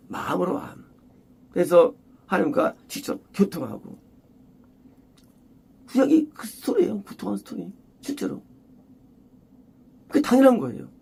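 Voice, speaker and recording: A male pastor delivering an expository sermon with a husky, gravelly voice. He swings widely in pitch and keeps pressing his points through repetition, sometimes rising almost to a shout.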